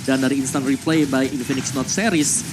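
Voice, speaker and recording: A man's voice: mid-range voice, fairly even intonation, moderate pace, distant mic, noisy background. A man giving analytical live commentary on an esports match as one of the casters.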